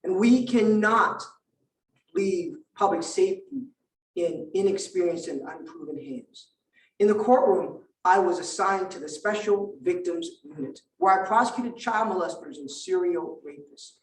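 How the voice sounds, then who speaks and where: A middle-aged Vietnamese man, a native speaker running as a candidate at a forum, gives a stump speech and forum answers in a notably high voice, punching out rhetorical lists with deliberate pauses. A distant mic picks him up in a roomy, reverberant hall with slight background noise.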